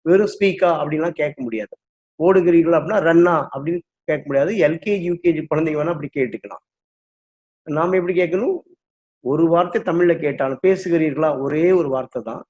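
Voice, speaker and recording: A man's voice: on the high side, expressive, a little fast, darkish tone. Male teacher, dull lo-fi sound. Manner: patient, repetitive drilling. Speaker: English teacher. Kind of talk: classroom explanation in Tamil with English drills. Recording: dull lo-fi recording.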